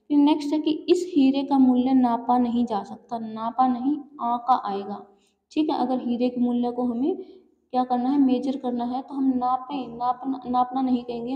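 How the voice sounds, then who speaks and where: A woman teaching a grammar exam-prep lesson, explaining each sentence step by step and asking and answering her own questions. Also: sits high. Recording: echoey, dull lo-fi room sound.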